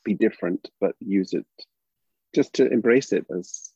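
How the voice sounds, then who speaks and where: An older man from Northern Ireland with a Northern Irish accent, speaking as a drama educator in a thoughtful, halting way with many restarts. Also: on the low side, warm tone, husky, no room sound, lo-fi sound. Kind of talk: reflective interview talk.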